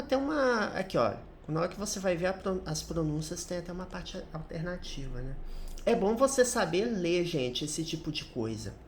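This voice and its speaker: A woman's voice: on the low side, darkish tone, slight background noise. A middle-aged woman with a Brazilian Portuguese accent teaching English through a commented reading, explaining each point and often ending with a tag question.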